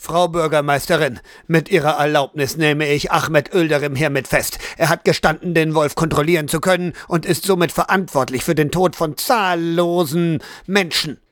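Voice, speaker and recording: A man's voice: a little high, fairly even intonation, moderate pace, hardly any pauses, dry recording, clean studio sound, close to an everyday voice. A man voicing a brutal male guard captain who barks orders and accusations in a harsh, commanding way. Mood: aggressive.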